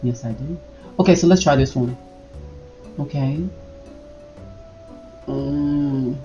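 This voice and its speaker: A middle-aged woman, chatting casually to her viewers as she browses and reacts out loud. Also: very deep voice, takes it slowly, dull audio. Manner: animated, exclaims and talks to viewers as y'all. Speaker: vlogger. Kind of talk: casual vlog commentary while browsing online. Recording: echoey room with faint music.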